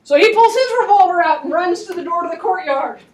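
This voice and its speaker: A woman lecturing on history as an animated story, with wry, laughing asides, recorded in a classroom. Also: very high-pitched, fast, recorded from a distance.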